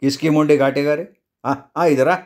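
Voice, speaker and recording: A man voicing a drunken, hot-headed brawler who snarls and barks his threats in rough slang. He sounds loud and volatile, as if a knife is always within reach. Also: a little high, steady tone, moderate pace, close to an everyday voice. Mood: snarling. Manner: shouted threats in rough Hindi.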